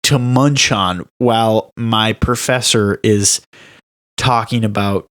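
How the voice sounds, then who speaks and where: A young man whose voice is fairly low co-hosts a podcast at a slow pace. It's a casual chat, and his stories come out animated and emphatic, mixed with laughter.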